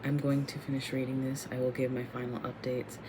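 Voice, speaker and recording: A man's voice: medium pitch, monotone, fairly quick, background noise. Chatty young man rambling about books. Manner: chatty, rambling with many ums. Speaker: book vlogger. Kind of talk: casual bookish vlog chat.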